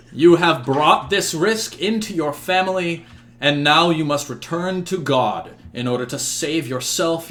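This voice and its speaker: A man's voice: on the high side, a bit bright. A man doing a fiery zealous holy man. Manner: impassioned, accusing sermon delivery.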